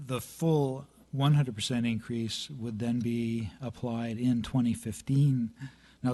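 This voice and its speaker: A man with a dark, mellow, slightly hoarse voice reads out a planning budget report at a council meeting. He stumbles along with many fillers and now and then clears his throat, speaking into a chamber microphone. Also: medium pitch. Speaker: city planning staff presenter. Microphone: meeting room microphone.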